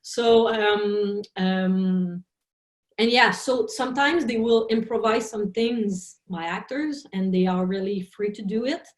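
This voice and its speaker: A woman film director, a native French speaker, speaking English in an interview, halting and searching for words. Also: medium pitch. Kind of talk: interview talk in a second language. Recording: roomy echo.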